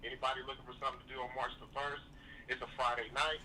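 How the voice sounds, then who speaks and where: A man's voice: medium pitch, level tone, rapid-fire, pushed and bright, far from the mic, slight background noise, poor audio. A man calling in to a live show, easygoing and promoting an event. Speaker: caller, comedian. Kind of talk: casual phone-in chat.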